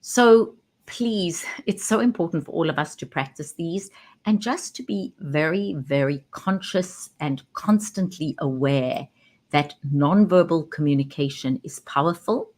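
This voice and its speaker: A woman who works as a communication coach, talking straight into her camera and stressing key words with pauses. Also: sits low, a little mellow. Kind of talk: direct-to-camera talk. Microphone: webcam.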